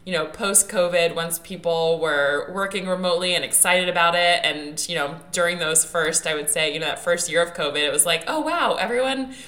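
A woman co-hosting a podcast while sick, her voice raspy, chatting casually and laughing a lot. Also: lowish voice, fairly even intonation, fairly quick, few pauses. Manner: laughs a lot, warm and conversational. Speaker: podcast co-host.

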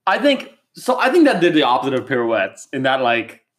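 Chatty young man, lively pitch. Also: brisk. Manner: animated, chatty, opinionated. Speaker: podcast host. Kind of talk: casual chat.

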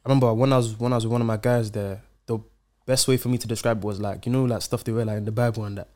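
A man's voice: lowish voice, steady tone, racing, darkish tone. A young man with a London roadman accent, chatting casually in street slang. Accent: London, urban slang. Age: young adult. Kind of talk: casual group chat.

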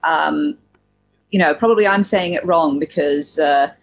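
A woman's voice: deep voice, unhurried, vocal fry. A woman from New Zealand who grew up in Hong Kong, with a mixed New Zealand and Hong Kong English accent, chatting easily as a guest on a podcast. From New Zealand, raised in Hong Kong. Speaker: spider photographer guest. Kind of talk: casual interview chat.

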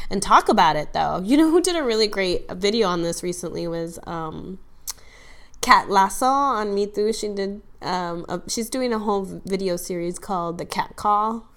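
A woman co-hosting a podcast, talking in a relaxed, casual way. Her voice sits a little low, and she works through her thoughts with frequent pauses and restarts. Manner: thoughtful, hesitant with many fillers and restarts. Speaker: podcast co-host.

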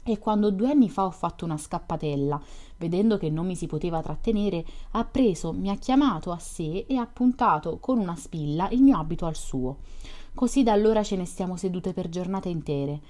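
A woman reading an audiobook, voicing a lively, curious young woman who chats and teases with questions. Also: on the low side, brisk, close to an everyday voice. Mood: chatty, teasing. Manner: chatty, teasing, questioning.

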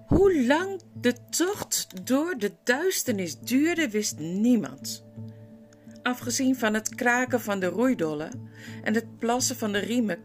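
Woman narrator for an audiobook; slow, lively, expressive, faint guitar bed. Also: a little high. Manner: expressive, measured storytelling. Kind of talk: audiobook storytelling. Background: faint guitar music.

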